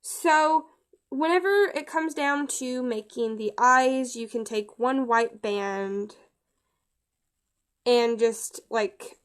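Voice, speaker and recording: A woman giving a casual step-by-step craft tutorial, chatty and halting with frequent restarts. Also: a little high, clean tone.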